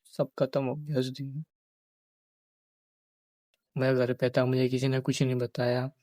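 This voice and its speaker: A man's voice: medium pitch, flat delivery, unhurried, a little mellow, no room sound. A young man, a vlogger, talking about a painful personal memory and often repeating his phrases as he tells it. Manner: grieving, repeats phrases, quotes others in dialogue. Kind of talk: personal storytelling vlog.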